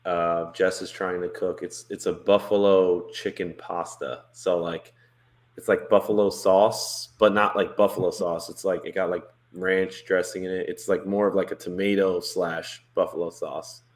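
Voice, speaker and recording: A man's voice: sits low, level tone, moderate pace. A man co-hosting a casual livestream, rambling with many fillers and restarts. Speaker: co-host of a cruise livestream. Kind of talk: casual live-stream chat.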